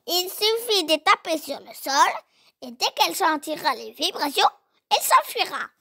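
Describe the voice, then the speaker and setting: Mom putting on a wise old-ish sheep voice, super high and bright, calm and knowing, bedtime story. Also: female voice, moderate pace, exaggerated voice.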